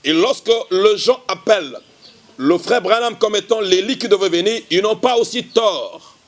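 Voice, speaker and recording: A male pastor giving a measured televised sermon, often repeating the same explaining phrase. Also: sits high, expressive. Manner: measured preaching, repeats "qui est en fait".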